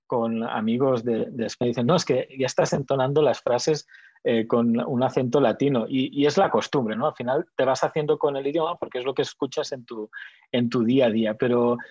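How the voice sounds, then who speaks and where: A man's voice: mid-range voice, a little mellow, slightly rough, no room sound. Spaniard weatherman, dry lo-fi sound. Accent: Spanish from Spain. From Spain. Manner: hesitant, many restarts and fillers. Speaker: TV weather presenter. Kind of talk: interview answers, casual.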